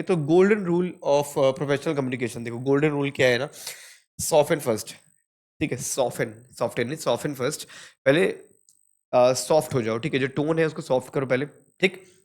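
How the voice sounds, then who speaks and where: A man's voice: medium pitch, a little slow, a little mellow. A man with an Indian accent teaching spoken English in a casual, chatty lesson, mixing Hindi and English and tagging "ठीक है" onto nearly every phrase. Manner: fillers "ठीक है" after almost every phrase; chatty, addresses viewers as brother.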